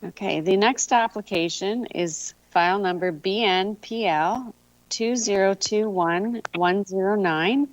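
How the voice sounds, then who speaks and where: A woman's voice: medium pitch, measured pace. A woman chairing a committee meeting in formal, procedural language. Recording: dull, dry meeting audio.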